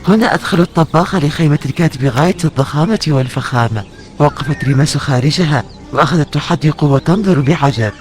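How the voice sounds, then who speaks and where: A man narrating an audio novel in a measured storytelling manner. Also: on the high side, soft background music.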